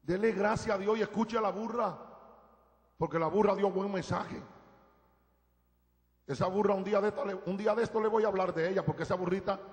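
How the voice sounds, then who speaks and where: A man, an evangelist, preaching a live sermon, moving between shouted emphasis and quiet storytelling, in a large church. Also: sits high, steady tone, a little fast, long pauses. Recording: live church hall reverb.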